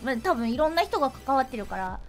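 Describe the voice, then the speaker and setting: High, lively woman streamer chatting. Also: quick pace, soft background music. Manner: animated, giggly, acts out other people's lines. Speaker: VTuber streamer. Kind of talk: casual livestream chat.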